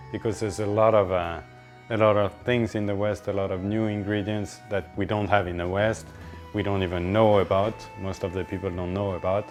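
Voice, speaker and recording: A middle-aged chef from northern France speaks informally in an interview with a French accent. His voice is on the low side with a darkish tone, and he explains things haltingly, pausing mid-phrase.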